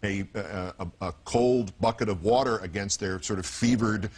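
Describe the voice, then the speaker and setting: A man's voice: lowish voice, moderate pace, darkish tone, breathy edge. A man hosting a news interview show, commenting and questioning in formal, wordy phrasing.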